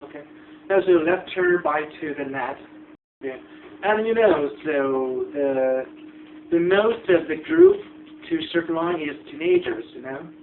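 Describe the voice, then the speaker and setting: A man's voice: a little high, big pitch swings, measured pace, gravelly. A man from China with a Chinese accent, interviewing in English with many hesitations and restarts. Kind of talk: halting casual interview. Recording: tinny lo-fi echoey room, some noise.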